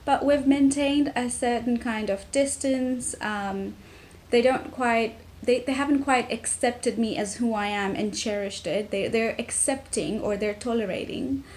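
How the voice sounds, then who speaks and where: A young woman from Tanzania, talking to camera about her family in a reflective way, with many pauses and restarts. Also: a little high, a little mellow, a little hiss or hum. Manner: reflective, frequent ums and restarts. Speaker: vlogger. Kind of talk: personal talk to camera.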